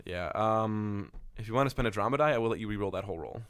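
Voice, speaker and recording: A man's voice: on the low side, fast talker, fairly bright tone. A man running a tabletop game as game master, rambling and correcting himself as he explains.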